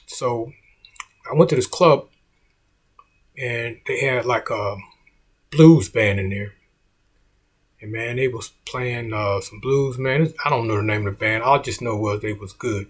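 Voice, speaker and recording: A man's voice: mid-range voice, breathy edge. A middle-aged man, a comedian, telling a story in a laid-back way and saying "man" often.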